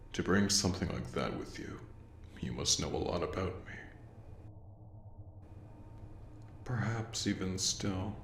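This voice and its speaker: Acted by a man in full character voice, a plague doctor creature with courtly manners addresses the listener in an audio roleplay monologue, sounding intrigued and menacing. His extremely deep, gravelly voice comes out as a slow, breathy, formal murmur with old-fashioned wording, calm menace, and obsessive interest. A roomy echo and faint background noise surround it.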